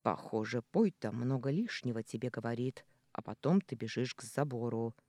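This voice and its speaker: An audiobook reader voicing Jella, a male non-human Yass who speaks slowly and firmly with a quiet threat, in a dry, mellow recording. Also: mid-range voice, lively intonation, no echo. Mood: coaxing. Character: male Yass, a non-human being, stern then gentle.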